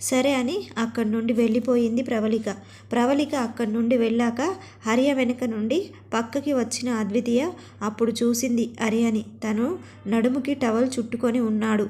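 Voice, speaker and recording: A woman with a fairly high voice reads a scripted story aloud. Her delivery is steady and expressive, carrying the listener through each scene. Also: fairly quick.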